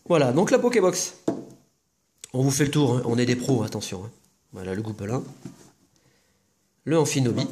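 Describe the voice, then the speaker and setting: Man, unboxing host, casual chat to viewers, rambling, jokey asides, mid-range pitch. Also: darkish tone. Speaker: video host opening trading-card boxes.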